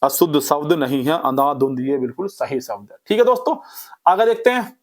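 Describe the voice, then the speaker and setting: A fairly high-voiced man teaches a revision lesson. He drills the class in a lively, repetitive way, firing off questions and answering them himself. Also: brisk. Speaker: Hindi exam-prep teacher.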